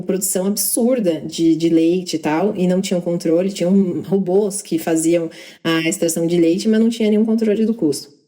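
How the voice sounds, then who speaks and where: A young Brazilian woman co-hosting a podcast, telling work stories in a lively, self-deprecating way with quick asides. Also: medium pitch. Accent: Brazilian Portuguese. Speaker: podcast co-host. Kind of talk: casual storytelling chat.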